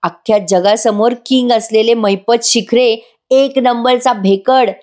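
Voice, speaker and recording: A woman's voice: a little high, steady tone, measured pace, a little mellow, lightly acted. A woman voicing a scheming woman who mocks a man over the phone. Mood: taunting. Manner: mocking, repeats insults.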